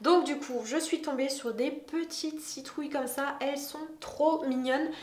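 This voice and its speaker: A woman's voice: high-pitched, measured pace. Chatty woman in an echoey room. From France. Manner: chatty, enthusiastic, lots of hesitations. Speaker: decor vlogger. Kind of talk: casual haul vlog.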